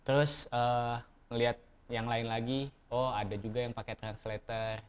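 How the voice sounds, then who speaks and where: A man's voice: medium pitch, little pitch movement, normal speed, smooth. A man with an Indonesian accent chatting casually as an interview guest, with a lisp that blurs his r sounds. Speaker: barista competition champion, interview guest. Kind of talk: casual chat.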